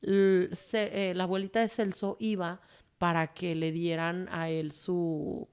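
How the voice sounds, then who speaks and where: A woman's voice: on the low side, level tone, measured pace, darkish tone, clean tone. A woman with a Mexican accent, a guest telling her personal story in a candid, emotional way, swearing freely and rambling with fillers. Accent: Mexican Spanish.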